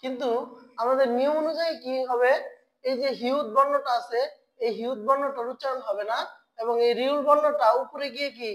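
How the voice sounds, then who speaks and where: A woman teaching a language lesson. She asks her students questions, answers them herself, and draws syllables out slowly. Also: high-pitched, fairly even intonation, low-quality recording. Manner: slow, drawn-out spelling of syllables.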